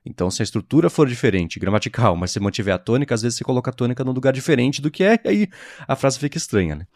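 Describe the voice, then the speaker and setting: A man co-hosting a podcast, explaining things in a measured way in casual tech chat. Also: medium pitch, big pitch swings, a little mellow, no echo, clean studio sound. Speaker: podcast co-host.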